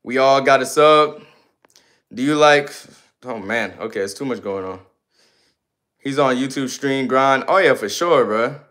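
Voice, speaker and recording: A man's voice: medium pitch, unhurried, pauses often, a bit bright. A man in his twenties livestreaming, reading viewer comments aloud and answering them in loose, slangy, sometimes ranting casual chat. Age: 20s.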